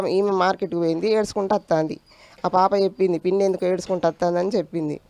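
A woman's voice: mid-range voice, creaky, mellow. An older woman with a Telangana accent gives a distressed account to a reporter, repeatedly calling him sir. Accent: Telangana Telugu. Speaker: victim's mother. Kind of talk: emotional interview testimony.

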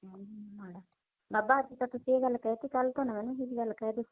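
A woman's voice: on the high side, quick pace, dry recording. Blunt woman on a phone line. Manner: blunt, scolding. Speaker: call recipient. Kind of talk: phone call.

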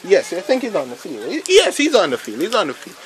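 A man giving casual, slangy play-by-play commentary on a pickup football game, rambling between plays and shouting at the big moments. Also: high-pitched, huge pitch swings, fast. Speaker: amateur commentator.

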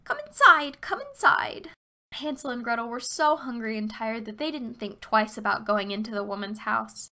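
Bright-voiced woman narrating a children's story. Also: fairly high pitch. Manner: expressive, slows down for emphasis.

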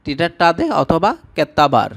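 Man slowly drilling vocabulary words. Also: on the high side, fairly bright tone. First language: Bengali. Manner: slow, repetitive word-by-word drilling. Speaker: language teacher. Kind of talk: scripted language lesson narration.

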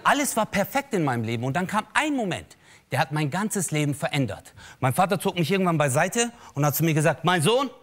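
Man, thirties, stand-up comedian, ironic, animated pitch swings. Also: fast talker. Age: 30s. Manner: animated, ironic, addresses the audience as "Leute".

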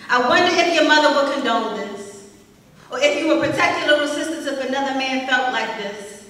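Young woman, spoken word poet, bright high voice, echoey hall from a distance. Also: a little fast. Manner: rhythmic, emphatic, confrontational delivery with rising punch lines. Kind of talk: spoken word poetry performance. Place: small arts center stage, indoors. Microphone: stand mic, filmed from the audience.

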